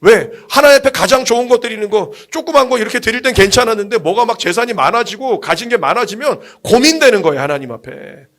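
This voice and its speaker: A man's voice: high voice, animated, fast talker, hardly any pauses, a bit bright. A man in his forties, a pastor preaching with passion and heavy emphasis, often repeating himself. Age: 40s. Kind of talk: sermon.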